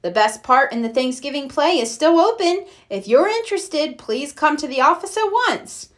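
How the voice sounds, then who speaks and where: An eager young schoolboy from a children's storybook, performed by a woman. The voice is high and swings up and down as he pleads and coaxes, keen to win his friends over. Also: lively intonation, normal speed, fairly bright tone. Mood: announcing, hopeful.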